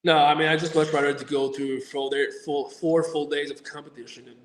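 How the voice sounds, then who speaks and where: A man being interviewed as an athlete guest, talking haltingly with many fillers, restarts and uneven grammar. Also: fairly high pitch, little pitch movement. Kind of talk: remote interview chat. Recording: echoey room, far from mic.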